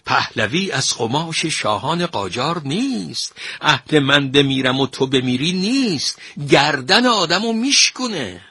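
A man voicing an anxious, flattering court minister who pleads and warns, husky and sharp. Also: mid-range voice, no room sound, pitched above the performer's own voice, exaggerated voice. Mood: alarmed.

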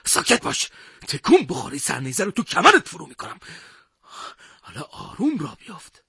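A resolute wartime commander who speaks in quiet, steady orders, as a male narrator reads him. The voice is husky and breathy, recorded dry and close like an audiobook. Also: a little high, no echo, voice pushed up, heavily acted. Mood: menacing hushed. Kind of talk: audiobook character voice.

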